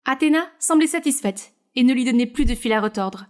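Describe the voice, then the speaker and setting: A woman reads a scripted animated story aloud, speaking as its narrator. Her voice sits high for a woman and stays in an easy storytelling flow. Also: fairly quick. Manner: first-person storyteller voicing all characters.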